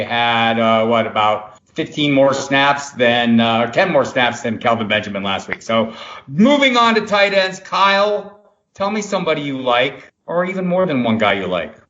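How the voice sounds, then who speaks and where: A man's voice: fairly high pitch, bright, forceful tone, roomy sound, highs cut off. A man hosting a fantasy football podcast, steering the talk and passing to his guests. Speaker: podcast host. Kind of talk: casual podcast chat.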